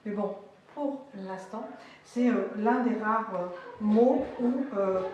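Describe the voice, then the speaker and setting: A woman teaching a language lesson, explaining words slowly with many hesitations and fillers. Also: medium pitch, a little mellow, highs cut off. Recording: echoey room, voice far from mic, faint noise.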